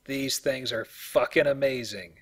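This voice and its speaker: A man hosting a let's play gives casual, wry commentary while playing a video game. His medium-pitched voice is a little slow, with faint noise and game ambience in the background.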